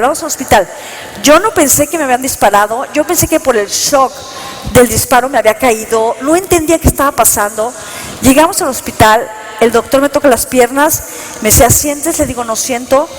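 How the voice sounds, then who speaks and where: A woman giving an earnest personal testimony to an audience, telling her story step by step. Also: high voice. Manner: earnest storytelling, reliving events, quoting herself and others. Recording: long reverb in a hall, faint noise.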